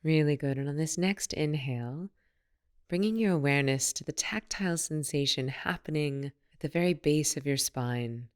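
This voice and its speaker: A woman's low, smooth voice leads a guided meditation. As the teacher, she offers gentle instructions in a calm, relaxed manner.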